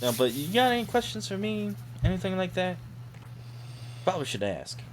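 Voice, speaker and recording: A man's voice: high-pitched, very animated, normal speed, slight background noise. A man voicing a slick, sleazy talent agent in a tabletop game, with used-car-salesman patter. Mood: smooth salesmanship. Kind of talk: tabletop role-play.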